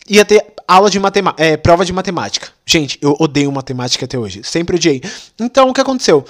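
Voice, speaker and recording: High-voiced man telling stories. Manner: animated, playful, full of slang. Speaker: podcast host. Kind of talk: comic storytelling. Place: podcast studio. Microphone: studio mic with headphones.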